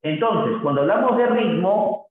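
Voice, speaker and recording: A man's voice: high-pitched, expressive, measured pace. A man giving a literature lesson, checking in with tag questions and reciting verses in a sing-song drawl. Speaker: literature teacher. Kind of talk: classroom lecture. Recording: very echoey, phone-like thin sound.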